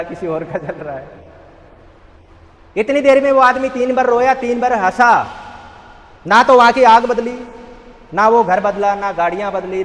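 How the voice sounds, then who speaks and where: A man giving an earnest motivational talk at a rehab center, telling a parable and asking rhetorical questions. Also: high-pitched. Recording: echoey hall.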